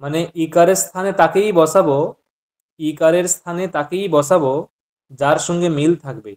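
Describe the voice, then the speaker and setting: A man's voice: a little high, steady tone, moderate pace, a little mellow. A man teaching Sanskrit grammar in an online class, patiently quizzing his students and repeating each point.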